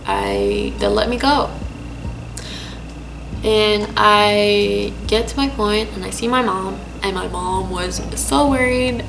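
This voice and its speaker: A young woman from Lebanon tells a personal story at an unhurried, careful pace, her voice catching in a gravelly fry at the ends of phrases. She talks earnestly and thoughtfully, stopping often to find her words. Clear music plays behind her. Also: medium pitch, rough recording. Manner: earnest, thoughtful, with hesitant fillers. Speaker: vlogger.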